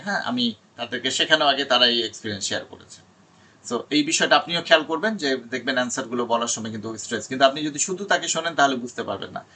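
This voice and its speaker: Bright-voiced man teaching an online class. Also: mid-range voice. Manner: reads English tips slowly, explains in Bengali. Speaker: IELTS teacher. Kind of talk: online lesson.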